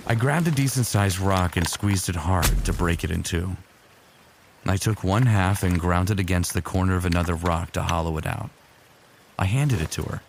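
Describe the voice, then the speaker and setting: A low-voiced man speaks at a moderate pace over some background noise. He plays a lovestruck, teasing sci-fi warrior in a fan audio drama, serving as both narrator and lead as he recounts his own exploits in a casual, wry way.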